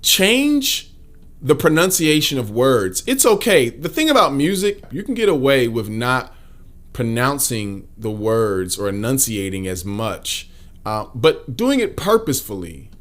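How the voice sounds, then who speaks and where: A man giving casual singing tips in a relaxed, explanatory way. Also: medium pitch, a little slow. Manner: relaxed, explanatory, demonstrates as he talks. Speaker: singer giving vocal tips. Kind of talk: casual vocal lesson.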